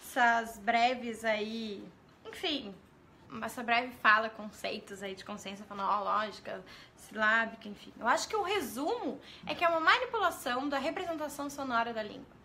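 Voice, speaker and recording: A woman's voice: on the high side, expressive, sharp tone, slight background noise. A woman with a Brazilian accent who trains teachers, giving a live-streamed lesson, asking viewers questions and greeting them by name. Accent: Brazilian Portuguese. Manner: spells out letters slowly and clearly.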